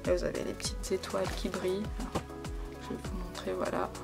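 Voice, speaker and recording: A woman's voice: fairly low pitch, monotone, brisk, creaky. A woman vlogger chatting casually while unboxing scrapbooking supplies, gushing with enthusiasm and lots of fillers and repeats. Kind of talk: casual product unboxing chat. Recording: background music under the voice.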